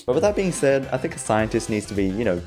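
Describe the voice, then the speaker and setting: Sarcastic low-voiced man over music. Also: sing-song, quick pace, darkish tone. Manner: sarcastic, profane, mock-scientific. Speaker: video essayist. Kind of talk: comedic video essay narration.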